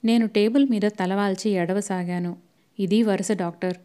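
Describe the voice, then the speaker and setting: A woman reading a novel aloud as an audiobook narrator. Her voice is mellow and warm at a medium pitch. She keeps the storytelling steady and even. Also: normal speed, clear, resonant tone.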